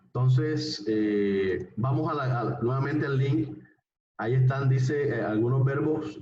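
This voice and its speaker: A male language teacher with a medium-pitched voice runs a live online class, speaking patiently, repeating phrases and frequently checking that students are following. The online-call audio sounds roomy, distant and dull, with a little hiss or hum.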